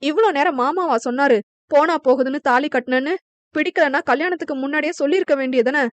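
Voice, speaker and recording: A woman's voice: high-pitched, fast, dry recording, natural voice. A woman voicing a hurt young bride speaking through tears of reproach. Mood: tearful. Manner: wounded, tearful reproach.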